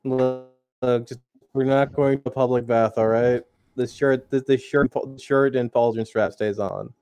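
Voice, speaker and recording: A man's voice: medium pitch, fairly even intonation, measured pace, darkish tone, no room sound. A man playing a tabletop role-playing game, chatting casually and stumbling over his words. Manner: puts on gruff foreign accent in character, stammers. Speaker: player. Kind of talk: tabletop role-play chat.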